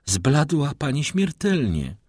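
A man voicing a witty young society gentleman with an ironic, lively manner. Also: fairly low pitch, normal speed, no echo, studio quality, pitched above the performer's own voice. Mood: concerned.

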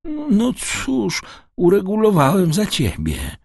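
A frail old father, as a male narrator puts him on, his voice thin, high and trembling. He speaks very slowly and gently, with a husky catch in the throat. The recording is close and dry. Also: wildly swooping pitch, no echo, exaggerated voice. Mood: weak, gentle. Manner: quavering and slow, breaking into high tones. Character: frail, tender old father, aging man.

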